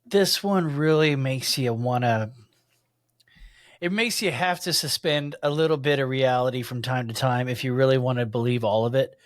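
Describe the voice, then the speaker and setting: A man's voice: medium pitch, normal speed, dry recording, studio quality. A man chatting and telling a story casually as a podcast co-host.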